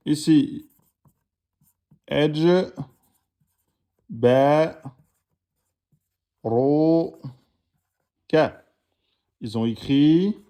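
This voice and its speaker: A man whose voice sits on the high side but sounds dark talks very slowly, with long pauses. Addressing French speakers, he teaches the Arabic alphabet, patiently correcting exercises and pronouncing each letter and vowel.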